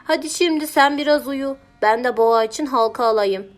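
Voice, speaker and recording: A woman voicing a patient, sensible male farmer who reasons calmly with a tired edge, in a children's audiobook. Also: sits high, a little fast, soft background music, lightly acted. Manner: calm, mildly tired reasoning.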